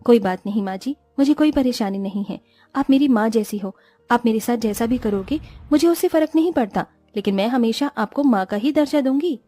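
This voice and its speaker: A woman voicing a kind, patient young daughter-in-law in a cartoon story, talking softly and respectfully. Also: a little high, a little fast, no room sound, soft background music, close to an everyday voice. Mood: gentle. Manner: soft, respectful.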